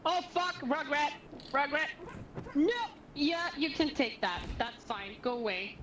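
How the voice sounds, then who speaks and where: A woman's voice: sits high, expressive, unhurried, echoey room, background noise. A woman gaming with friends, teasing the others and swearing when things go wrong. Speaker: co-op teammate. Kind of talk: casual gaming chat.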